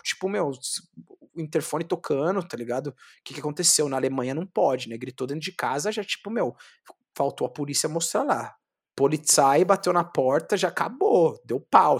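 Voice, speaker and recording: A young man from Brazil, a street clown, telling his story in a casual interview, lively, swearing often and acting out what he said back then. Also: on the high side, a little fast, creaky, husky. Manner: animated, swearing, acts out his own past words.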